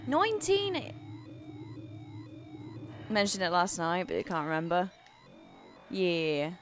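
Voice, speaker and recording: A woman in her thirties talks through a live game stream at an easy, slow pace. She chats with her viewers and blurts out curses and exclamations as she plays. Faint game music runs underneath her voice. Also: lowish voice, huge pitch swings. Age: 30s. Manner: chatty, answers chat, swears and exclaims at the game. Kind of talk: live gameplay commentary.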